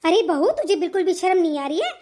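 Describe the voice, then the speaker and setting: A woman's voice: extremely high pitch, animated, fast talker, slight background noise. A woman voicing a bossy mother-in-law. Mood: scolding. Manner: sharp, commanding, nagging. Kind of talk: animated family story voice acting.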